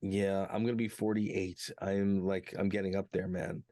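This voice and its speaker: A man's voice: deep voice, flat delivery, moderate pace, dark tone, dry recording, studio quality. A man in his forties co-hosting a podcast, rambling casually with lots of fillers and jokes. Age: 40s. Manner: rambling, filler-heavy, jokey. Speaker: podcast co-host. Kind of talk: casual chat.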